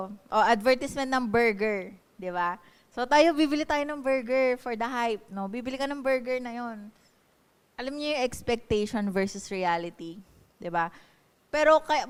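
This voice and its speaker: A woman's voice: a little high, smooth. A woman with a Filipino accent, preaching a sermon and explaining each point with frequent checking questions. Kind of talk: Taglish sermon.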